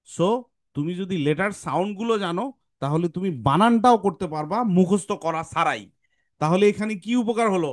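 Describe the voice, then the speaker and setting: A man teaching phonics, asking and answering his own questions and sounding out letters slowly. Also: high voice, no echo, studio quality. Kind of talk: explanatory lesson to students.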